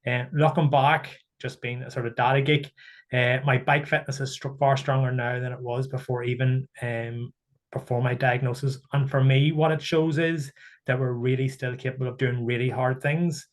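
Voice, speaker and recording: A man from Ireland, a guest speaker talking in an earnest, steady, reflective way over a video call. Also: mid-range voice, normal speed. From Northern Ireland. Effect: heard over a video call. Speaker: guest speaker sharing his story. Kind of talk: casual talk on a webinar.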